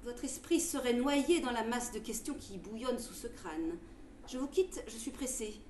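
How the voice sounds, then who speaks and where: A woman voicing a learned, gently condescending male doctor of the future in a theatrical story reading. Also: a little high, normal speed, distant mic, natural voice. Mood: sad, hurried. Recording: roomy with faint background noise.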